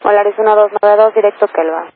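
A man working as an approach controller, giving quick, curt commands over a crackly two-way radio. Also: sits high, steady tone, no room sound. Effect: crackly two-way radio transmission. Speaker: air traffic approach controller. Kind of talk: clipped radio phraseology. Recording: narrowband radio channel with faint hiss.

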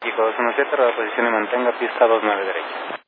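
A male air traffic controller rattles off clearances at a quick clip, terse and routine. His voice comes through a narrow, tinny two-way radio channel. A thick hiss of static sits under every word. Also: mid-range voice, steady tone. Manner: brisk, terse, routine instructions. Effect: two-way radio transmission. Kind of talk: clipped radio phraseology.

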